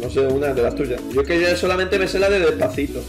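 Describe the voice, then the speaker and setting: A man's voice: fairly high pitch, lively intonation, quick pace, over music. A man from Spain, a gaming streamer teasing another player in casual chat and mock-singing parodies.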